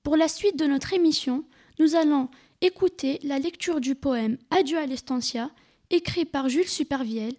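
A woman's voice: high voice, normal speed, a little mellow. A woman radio presenter reading a scripted announcement of the next segments.

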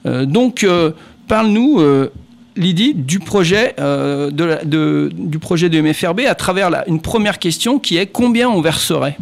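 A man's voice: a little high, expressive, normal speed, vocal fry. A man hosting a community radio talk show, talking hesitantly with many fillers and restarts. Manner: chuckles at his own anecdotes. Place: radio studio.

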